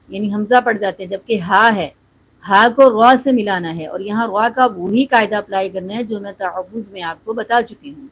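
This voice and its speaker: A woman teaching Quran recitation step by step. She explains each sound, demonstrates with slow drawn-out recitation, and keeps checking in with the listener. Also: mid-range voice, a little hiss or hum, low-quality recording.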